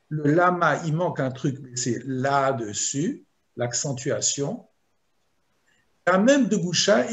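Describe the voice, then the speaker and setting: Rabbi giving a slow, unhurried Torah lesson, fairly high voice, chants verses aloud. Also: male voice. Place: video lesson.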